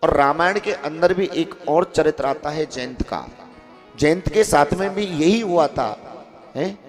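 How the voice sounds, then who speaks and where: Male kathavachak, animated and conversational, keeps prompting the crowd; faint music underneath. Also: on the high side, measured pace. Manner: animated, questions the audience often, calls out to listeners. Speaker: kathavachak preacher. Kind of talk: devotional katha sermon. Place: ashram hall with a seated audience.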